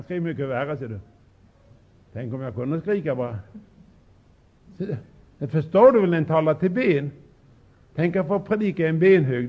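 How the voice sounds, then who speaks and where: Male preacher, high voice, emphatic sermon delivery, addresses the congregation directly, muffled lo-fi tape. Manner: emphatic, shouts out scripture quotes. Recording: dull lo-fi recording.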